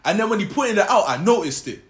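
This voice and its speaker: A man's voice: high voice, expressive, fast talker. A young man with a London roadman accent, chatting casually with slang. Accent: London, Multicultural London English roadman. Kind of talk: casual chat in street slang. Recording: echoey room.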